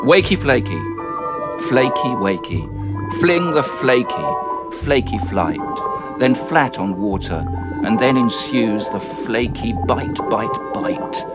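A poet and comedian performs comic spoken-word poetry, his mid-range voice animated and slow. His delivery is playful and whimsical, rhythmic and rhyming, over plucked guitar music.

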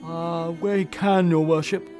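A soft-hearted old-time officer speaks up timidly to a stern judge, hesitant and soothing, as a man reads him. The voice sits high and careful. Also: fairly even intonation, unhurried, music in the background, close to an everyday voice. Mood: placating. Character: kindly, placating male police officer.

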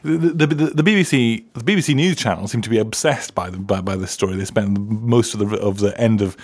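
A man's voice: lowish voice, brisk, darkish tone, slightly rough. Hesitant man hosting a chat. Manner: hesitant, many restarts and fillers. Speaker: podcast host. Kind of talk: casual chat.

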